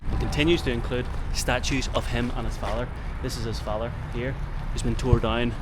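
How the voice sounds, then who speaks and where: A man's voice: mid-range voice, fairly even intonation, a little fast. An Irish man narrating a casual travel vlog and chatting with locals outdoors in city streets, in a friendly, easygoing way. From Ireland. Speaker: travel vlogger. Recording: loud street noise outdoors.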